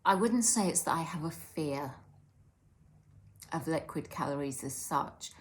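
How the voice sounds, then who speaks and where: Low-voiced British woman chatting, eat-with-me style. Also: expressive, measured pace. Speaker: vlogger sharing eating disorder recovery support. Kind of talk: casual eat-with-me vlog chat, talking over a drink.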